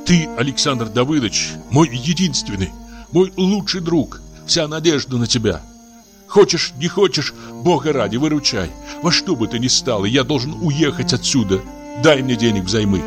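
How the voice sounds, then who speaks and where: A man's voice: medium pitch, lively intonation, normal speed, soft background music, pitched above the performer's own voice, close to an everyday voice. A man reading an audiobook voices a nervous young man pleading with a friend in a trembling voice. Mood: pleading, desperate.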